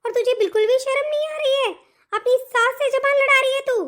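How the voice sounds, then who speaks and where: A woman voicing a bossy, nagging older mother-in-law in an animated family story, with a sharp, commanding delivery. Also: very high voice, moderate pace. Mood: scolding.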